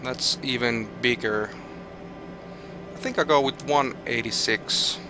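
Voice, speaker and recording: Music plays behind a Finnish man whose medium-pitched voice moves slowly. Streaming a flight simulator from Finland, he gives live gameplay commentary, thinking aloud and stumbling through restarts as he reads weather and route data.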